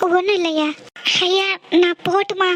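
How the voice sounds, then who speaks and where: Woman doing a shy wife in a cartoon, twang, super high squeaky voice, hesitant and pleading. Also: steady tone, moderate pace. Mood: anxious. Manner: hesitant, pleading, soft-spoken. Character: timid young village wife, a former maid. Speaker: voice actor. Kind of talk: cartoon voice acting.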